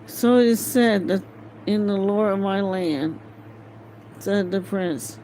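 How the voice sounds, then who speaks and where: Reading a fantasy novel at a slow, halting pace, an amateur woman breaks phrases apart and stumbles on words. Her voice is medium-pitched and mellow. The rough home recording carries faint background noise.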